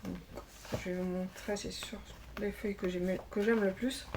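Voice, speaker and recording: A woman chats through a crafting haul, pausing often with little fillers as she hunts for words. Her mid-pitched voice sits a bit back from the mic, with a faint hiss in the background. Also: fairly even intonation, far from the mic. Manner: chatty, hesitant, many fillers. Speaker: crafting YouTuber. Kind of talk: casual show-and-tell haul.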